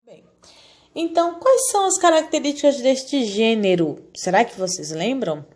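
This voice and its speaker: A woman's voice: on the high side, lively intonation, normal speed. A woman teaching a recorded lesson to young children. She explains patiently and keeps asking the class questions, then answers them herself. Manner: talks down gently to small children. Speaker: primary school teacher.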